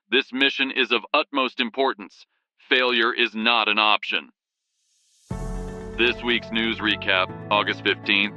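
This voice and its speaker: A very bright, hard-edged male voice over prominent music as a man acts out a wartime news anchor. He delivers a scripted radio bulletin with grave urgency, rousing the troops like a herald of war. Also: mid-range voice, poor audio. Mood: proud, rousing. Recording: music behind the voice.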